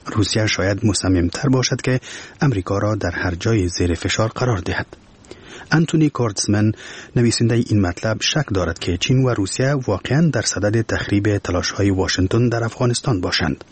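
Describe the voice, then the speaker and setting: A man with an Afghan Dari accent reading a press review in a measured, formal newsreader style. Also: lowish voice, breathy edge. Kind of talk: scripted news reading. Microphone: studio microphone.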